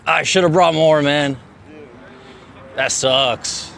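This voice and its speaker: A man's voice: on the high side, slow, creaky, fairly bright tone, slight background noise. A man chatting casually to camera as he rides a bike through city streets, laid-back and talkative. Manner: laid-back, chatty, says "dude" a lot. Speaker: vlogger. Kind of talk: casual vlog chatter while riding.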